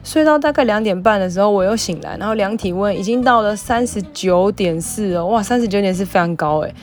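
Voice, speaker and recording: A young adult woman who is a podcast host and psychologist tells a story in a casual monologue. Her voice is medium-pitched and brisk, and her chatty, animated retelling is full of fillers.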